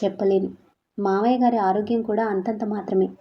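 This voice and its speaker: A woman voicing a young wife who is hurt but stands firm, speaking softly and with resolve. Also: medium pitch, fairly even intonation, brisk, natural voice. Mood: sad. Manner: soft, tearful, turning resolute. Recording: slightly dull lo-fi audio.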